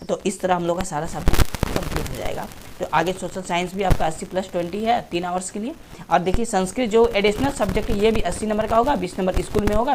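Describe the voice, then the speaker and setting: A woman's voice: medium pitch, background noise. A woman teacher goes through a class syllabus on screen, checking in with listeners again and again. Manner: repetitive, checks in with "theek hai". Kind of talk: screen-share syllabus walkthrough.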